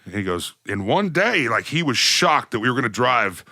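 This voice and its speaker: A man's voice: medium pitch, expressive, brisk, sharp tone, no echo, studio quality. A man from West Texas, hosting a podcast interview in a casual, rambling, storytelling way. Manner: laid-back, rambling storyteller, swears casually. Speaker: podcast host.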